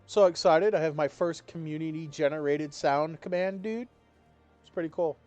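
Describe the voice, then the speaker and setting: A man's voice: a little high, moderate pace, darkish tone, highs cut off, faint music behind. Profane, laid-back young male streamer. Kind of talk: casual live-stream chat while gaming.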